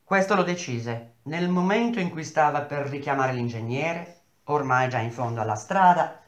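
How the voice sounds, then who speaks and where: A man's voice: a little high, animated, normal speed, a bit bright. Man reading a novel aloud, roomy echo. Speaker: reader of a novel.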